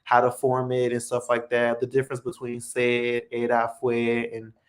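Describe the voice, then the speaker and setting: Man, native English speaker, live-stream host, unhurried and friendly, mid-range voice, slow delivery. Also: mid-range voice, monotone. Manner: unhurried, friendly, answers viewer comments. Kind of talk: casual live-stream chat, switching between English and Spanish.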